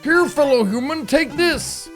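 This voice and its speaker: A streamer voicing an odd game creature that awkwardly pretends to be human, in a high, stiff, over-eager sing-song. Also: expressive, unhurried, fairly bright tone, faint music behind. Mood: eager, chirpy. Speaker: streamer reading a game character aloud. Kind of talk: let's play commentary with put-on character voice.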